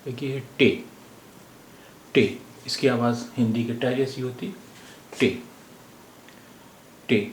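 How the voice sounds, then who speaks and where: A man teaching a language lesson. He speaks slowly and says each word several times. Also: mid-range voice, steady tone. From India. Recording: roomy echo, faint background noise.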